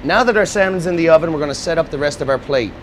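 Male executive chef, slightly high voice, lapel mic in a noisy restaurant kitchen. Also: racing. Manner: steady instructive step-by-step explaining. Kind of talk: cooking demonstration. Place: restaurant kitchen at a gas range.

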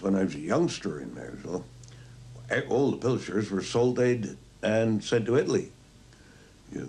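An older Cornish fisherman recalls the old days in a blunt, emphatic way. His voice sits fairly low. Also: gravelly, a little mellow. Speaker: retired fisherman. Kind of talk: reminiscing interview.

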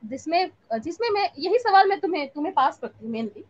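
A woman's voice: very high voice, big pitch swings, fairly quick, darkish tone. A woman moderating an online panel discussion, asking probing questions at length. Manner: probing, asks long questions with restarts. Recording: lo-fi online call audio.

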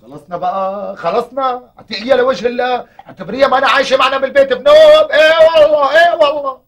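In a TV comedy, an actor with a Syrian Arabic accent plays a harried husband caught between two quarreling wives, coaxing and sweet-talking them with exasperation. His exaggerated voice is high, sing-song, racing and a bit bright, with a breathy edge.

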